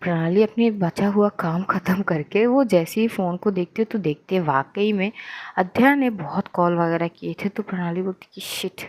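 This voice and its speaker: A woman's voice: lowish voice, normal speed, a little mellow, no echo. A woman narrating a romantic story in a conversational way, with recurring cues before each line of dialogue.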